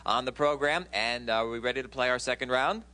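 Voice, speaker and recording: A man's voice: medium pitch, a little fast, bright, forceful tone. A man hosting a game show, speaking upbeat and directly to contestants as he announces questions and results. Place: television studio game show set.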